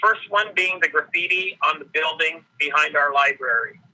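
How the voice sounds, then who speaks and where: A man, a borough councillor, heard over a speakerphone as he reads a prepared statement to a council meeting in a formal, measured way. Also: fairly high pitch, bright, forceful tone, rough recording. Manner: formal, measured delivery of a written text.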